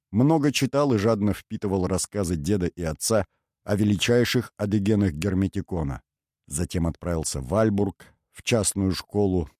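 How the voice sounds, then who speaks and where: Low, dark-voiced male audiobook narrator. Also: dry recording, studio quality. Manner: measured, dramatic reading. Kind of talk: scripted narration.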